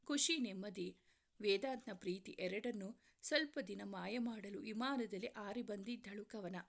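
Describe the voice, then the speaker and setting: Woman storyteller, romance serial narration, calm, mid-pitched. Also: measured pace, creaky.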